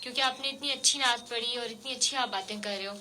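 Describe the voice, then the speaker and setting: A woman hosting a radio show, interviewing a child guest with gentle, coaxing questions full of fillers. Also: on the high side, a little hiss or hum. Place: radio studio.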